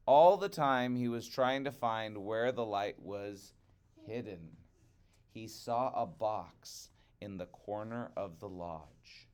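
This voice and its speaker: A man reading a picture book aloud to children as a storyteller, deliberate and expressive with dramatic emphasis. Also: medium pitch, clear, resonant tone.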